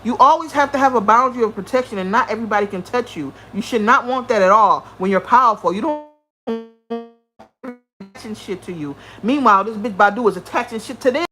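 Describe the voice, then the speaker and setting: High-voiced woman ranting on a livestream. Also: fast talker, faint music behind, low-quality recording. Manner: profane, animated, greets chat viewers. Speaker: livestream host.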